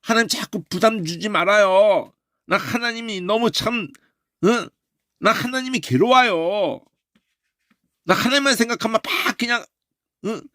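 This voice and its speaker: A man voicing a weary adult believer who sulks and complains, in a slow, whining tone. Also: high voice, pushed and bright, no room sound, clean studio sound, voice pushed up. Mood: whiny.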